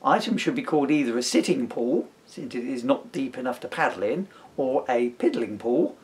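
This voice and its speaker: Lively intonation and a normal speaking speed mark this medium-pitched middle-aged Briton as he chats and reads aloud from his comic writing. A father who also writes and performs on stage, he rambles and digresses playfully into a camera mic.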